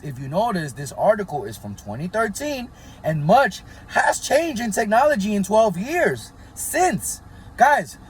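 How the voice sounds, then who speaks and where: A man hosting a casual commentary vlog, speaking straight to his viewers in a conspiratorial tone. His voice is husky and sits high. It swings up and down animatedly as he keeps asking for agreement. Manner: conspiratorial, keeps asking "right?" and hedging "allegedly". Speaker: channel host.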